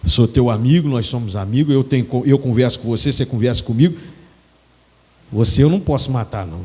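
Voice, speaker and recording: A man with a Brazilian Portuguese accent voicing God as a stern yet fond male deity, in a low, hushed, confiding way. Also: moderate pace, close to an everyday voice.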